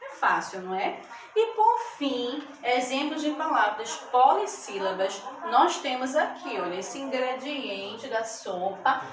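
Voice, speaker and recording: Slow, patient woman teacher, echoey room. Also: high-pitched, sing-song. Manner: slow, drawn-out syllables, checks in with "tá bom?". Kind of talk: classroom lesson for children. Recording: echoey room, mic at a distance, background noise.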